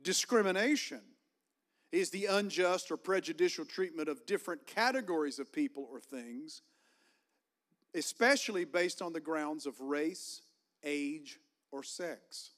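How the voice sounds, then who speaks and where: Speaking a little slowly in a fairly high, fairly bright voice, a Virginia pastor with a Southern Virginian accent delivers a sermon inside a church sanctuary. He draws amens from the congregation through call-and-response, his fervor building.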